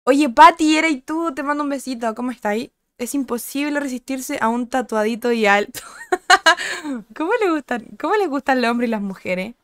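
A young woman with a Chilean accent, chatting loosely with her live chat in crude slang. Her voice sits fairly high and comes through smooth, on a close, dry mic. Today it carries a slight huskiness. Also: animated, a little fast, fairly bright tone, no room sound. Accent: Chilean Spanish. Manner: chatty, crude slang, reads out and greets viewers. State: slightly husky voice from little streaming. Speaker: streamer. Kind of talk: casual chat with live chat viewers.

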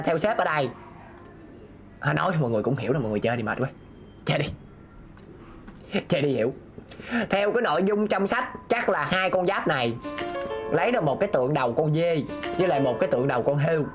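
A man streaming a game, talking himself through puzzles and reading viewers' messages aloud. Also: a little high. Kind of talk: live gameplay commentary.

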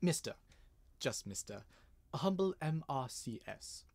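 A young man playing an eccentric, absent-minded country doctor with a husky voice and a fussy, halting, eager manner in a radio play. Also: mid-range voice, sing-song, darkish tone, no room sound. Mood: polite, curious. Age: young adult. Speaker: student actor. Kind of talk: 1930s-style radio drama acting.

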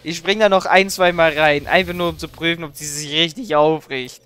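Bright, clear, high-voiced male streamer. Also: steady tone, moderate pace. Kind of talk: casual gameplay commentary.

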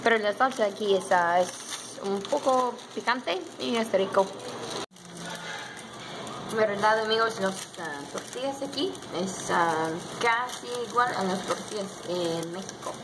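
Holding a handheld camera at arm's length, a young native English-speaking woman records a casual vlog in learner Spanish. She talks slowly and hesitantly, full of fillers, in a mid-range voice over noisy surroundings as she moves between a car, a restaurant, a parking lot and grocery stores.

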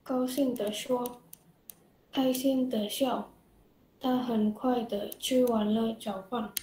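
Slow, mellow woman student reading. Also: on the high side, fairly even intonation. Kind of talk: reading sentences aloud in class. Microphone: video call. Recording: echoey room.

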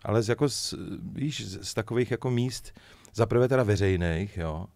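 A man's voice: fairly low pitch, dry recording. A middle-aged man, a musician guest, chatting casually in an interview and telling jokey stories. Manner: lively joking storyteller, chuckles often.

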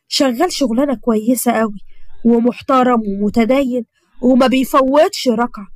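Storybook mom, opinionated and talkative, Egyptian, played by a woman narrator, lifted pitch. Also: darkish tone, no room sound, studio quality, lightly acted. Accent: Egyptian Arabic. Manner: chatty, disapproving. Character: worried, opinionated middle-aged mother talking to her daughter.

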